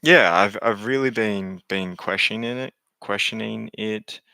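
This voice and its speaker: A man's voice: lowish voice, unhurried, vocal fry, pushed and bright, clear, resonant tone, no room sound. A man talking casually on a live stream, hesitant and candid, often restarting his sentences.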